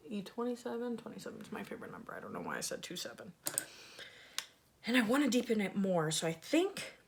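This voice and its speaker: A woman's voice: fairly low pitch, vocal fry, a bit bright, a little hiss or hum. A woman with a lisp that makes her s sounds slushy, chatting casually and self-deprecatingly as a beauty vlogger reviewing makeup.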